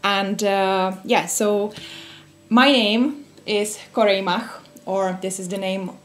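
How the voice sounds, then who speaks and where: Speaking slowly at a medium pitch with fairly even intonation, a young woman from the Czech Republic leads a workshop talk for a small group of listeners in a room. Her Czech-accented delivery is friendly and casual, full of fillers and restarts.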